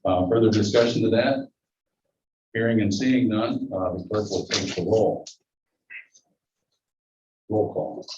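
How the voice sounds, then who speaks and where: A man's voice: fairly low pitch, slow pace, long pauses, a little mellow, slight background noise. A man chairing a public board meeting, his voice muffled through a face mask, running the agenda with dry asides. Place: meeting room. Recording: dull echoey room recording from a distance.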